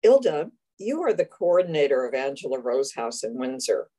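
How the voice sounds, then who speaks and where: Lady host, kinda husky and mellow, chatting with guests in an interview. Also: a bass voice, sing-song, normal speed. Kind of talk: friendly hosted group interview.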